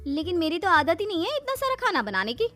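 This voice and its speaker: Lady doing flustered young daughter-in-law, high voice, whiny protests, cartoon, soft music behind. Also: wildly swooping pitch, quick pace, heavily acted. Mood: protesting. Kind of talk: Hindi comedy cartoon story acting.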